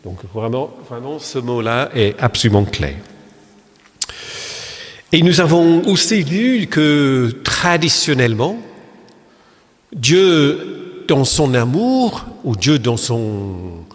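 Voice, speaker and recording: A man's voice: mid-range voice, sing-song, slow, pauses often. A man with an English accent, a pastor giving a lecture-style church talk in French, hesitant with many fillers and restarts. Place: Protestant church hall. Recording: long reverb of a church hall.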